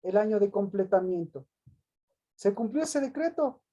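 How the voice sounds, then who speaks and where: A male pastor leads a call-and-response Bible lesson, reading scripture aloud and firing questions at his listeners by name. His voice sits fairly high yet sounds mellow and soft-edged. He repeats each answer back before pressing on. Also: expressive, moderate pace. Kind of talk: interactive Bible teaching with questions to the congregation.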